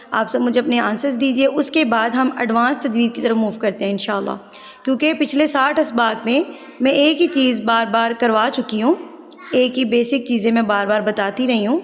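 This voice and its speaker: A woman with a Pakistani Urdu accent gives a patient tajweed lesson. Her voice sits high, and she drawls the recited words slowly. A long reverb trails after each line. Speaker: Quran recitation teacher.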